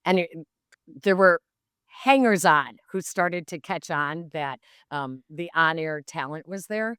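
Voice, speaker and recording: A woman in her fifties with a low, smooth voice tells long, animated stories. She loops back on herself with plenty of fillers and restarts. The studio sound is dry and close. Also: unhurried, no echo. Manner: animated, rambling with many fillers. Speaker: sports broadcaster, podcast guest. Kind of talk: casual anecdotal storytelling.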